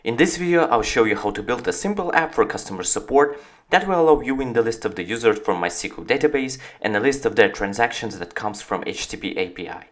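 Talking fast in a mid-range voice, a man narrates a software walkthrough recorded on screen. He's a company founder presenting the product, and his delivery stays steady and explanatory.

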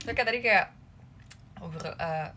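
A woman's voice: on the low side, slow pace, bright, forceful tone. A young woman chats casually on a livestream from indoors through a phone mic. She sounds flustered and shy, with giggly, embarrassed chatter. A faint hiss of noise sits behind her voice. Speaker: idol livestream host.

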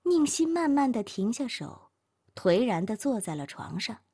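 A woman reads a novel aloud as an audiobook narrator. Her voice sits fairly high with a slight huskiness, and her delivery rises and falls expressively. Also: normal speed, slightly rough. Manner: expressive storytelling.

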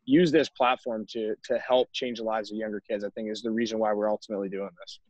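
A man's voice: lowish voice, steady tone, fast, no echo. A young man, a college baseball coach, talking emphatically to other coaches on a video call and often tagging points with "right?". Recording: dull, dry video-call audio.

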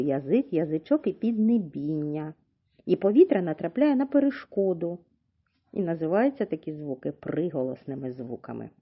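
A woman teaching a literacy lesson to young children, sounding out letters slowly and clearly for them to repeat. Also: on the low side. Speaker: preschool teacher. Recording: dull lo-fi recording.

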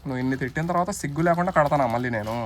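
A man with a fairly high voice talks very fast, trading comic banter in a playful, teasing, mock-indignant manner. He's a comic vlogger, and there's faint noise in the background.

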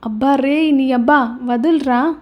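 A woman voicing a shouting, defiant young woman. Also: high voice, a little slow, lo-fi sound. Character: angry defiant young woman, rebellious smoker. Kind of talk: storybook character voice.

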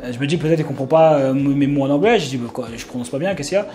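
A young Frenchman telling a casual vlog story, rambling with many fillers and restarts and sudden animated outbursts. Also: medium pitch, rapid-fire. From France. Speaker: vlogger.

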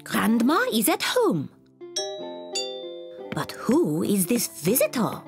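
An encouraging cartoon teacher speaks slowly and theatrically, her fairly high voice rising and falling widely. Loud music runs beneath her. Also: huge pitch swings, exaggerated voice. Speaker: cartoon schoolteacher.

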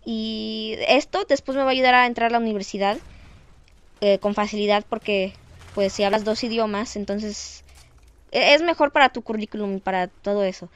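A teenage girl with a Mexican Spanish accent, talking in a chatty, lively, self-mocking way in a casual vlog. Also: medium pitch, normal speed, clean tone. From Canada. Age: teens. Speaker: vlogger.

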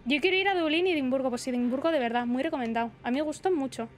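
A young woman streamer from the Basque Country talks in a high, rapid-fire voice while gaming. She rambles chattily and reads the chat aloud.

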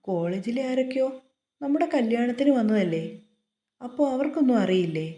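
A talkative, plaintive young bride with a lifted, eager voice, played by a woman storyteller. She asks question after question with a lively rise in her tone. The sound carries a roomy echo. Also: on the high side, brisk, pitched above the performer's own voice, natural voice.

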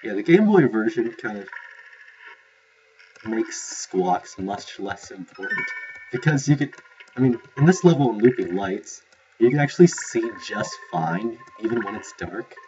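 A man giving casual let's play commentary, chatty and self-mocking, reacting loudly to what happens in the game. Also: fairly low pitch, big pitch swings, a little slow. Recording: lo-fi capture with game music.

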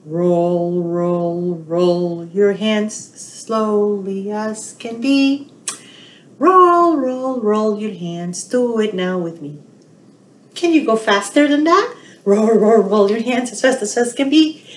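In a small room indoors, a middle-aged woman leads a storytime, addressing the little children directly and animatedly. Her mid-range voice is slow, and the home webcam audio is echoey and roomy with a bit of background noise.

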